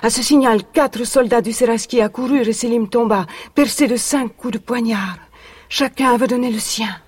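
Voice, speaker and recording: Haydée, a husky young storyteller. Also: female voice, fairly high pitch, no echo. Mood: solemn. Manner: measured, solemn recounting. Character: young woman, former captive, grave storyteller. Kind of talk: 1980s radio drama. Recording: vintage radio recording.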